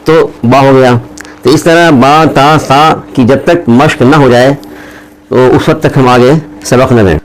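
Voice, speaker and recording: A man teaching how to pronounce Arabic letters, drawing out each letter slowly between explanations. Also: medium pitch, steady tone, poor audio. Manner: slow, drawn-out letter recitation between explanations. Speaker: Quran teacher. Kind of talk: recorded teaching lesson.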